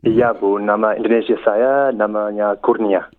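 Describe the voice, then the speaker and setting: A man, an English speaker speaking Indonesian as a foreigner, answering haltingly in a radio interview. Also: fairly low pitch, fairly even intonation. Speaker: interview guest, army captain and language student. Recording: narrow phone-like sound.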